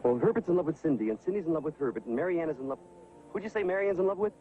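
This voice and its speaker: A man's voice: a little high, animated, racing, lo-fi sound, slight background noise, lightly acted. Gilligan, a man playing a bumbling naive sidekick. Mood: befuddled. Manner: befuddled, blurts the wrong thing.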